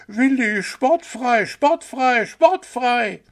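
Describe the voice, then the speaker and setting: A man voicing an excitable young male deer in a children's story, shouting encouragement in a high, shrill voice. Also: very slow, full character voice. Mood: cheering. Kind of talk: storybook character voice.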